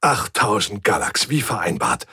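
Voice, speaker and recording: A man's voice: lowish voice, sing-song, sharp tone, husky, dry recording, clean studio sound, exaggerated voice. A man voicing a murmuring alien antique dealer. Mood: enraptured. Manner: slow, murmuring, enraptured. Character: enthusiastic four-legged alien male antique dealer.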